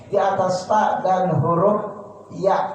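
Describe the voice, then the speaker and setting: A man's voice: high voice, fairly even intonation, slow, muffled recording, a little hiss or hum. A man teaching a religious study lesson in a prayer room, patiently repeating and drilling each pronunciation. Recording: roomy, distant echoey prayer room.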